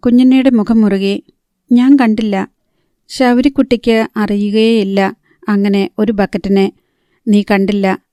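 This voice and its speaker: A woman narrating a novel as an audiobook, in steady storytelling. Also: mid-range voice, smooth, dry recording, studio quality.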